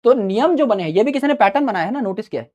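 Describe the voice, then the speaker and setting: Talking to students like a big brother, this male coaching teacher gives chatty study advice and keeps checking in with "right?" His high-pitched voice is animated, rapid-fire, and a little mellow.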